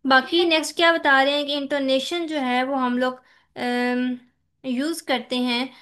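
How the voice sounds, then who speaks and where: A Pakistani woman gives a lecture in a high, light voice. She talks her students through a text, drops in English terms, and slows right down to read English lines. She keeps checking in with short asides. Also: little pitch movement, a bit bright. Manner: mixes Hindi-Urdu with English terms, reads English lines slowly, says "ठीक है" often. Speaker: teacher.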